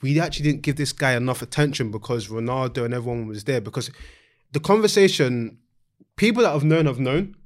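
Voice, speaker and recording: A man's voice: medium pitch, expressive, brisk. A man with a London accent and urban slang hosting a casual panel discussion, insistent and repeating his phrases. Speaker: football podcast host.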